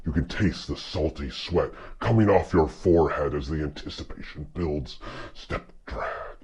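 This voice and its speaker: A man narrating a tabletop game scene in slow, measured storytelling. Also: rumbling low, darkish tone, breathy edge.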